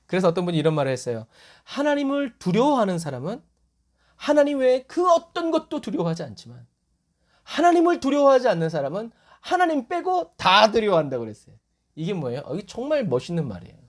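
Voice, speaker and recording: High lively guy preaching a sermon, pitch all over the place, keeps asking the crowd questions. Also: fast talker. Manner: asks the congregation questions and answers them himself; acts out quoted voices with sudden rises in pitch. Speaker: pastor.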